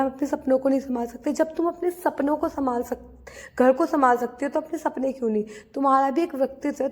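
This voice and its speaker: High-pitched young woman from india chatting earnestly to viewers, lots of restarts. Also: darkish tone. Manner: earnest, talks straight to viewers, many fillers and restarts. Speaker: vlogger studying for a teaching exam. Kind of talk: casual study vlog talk.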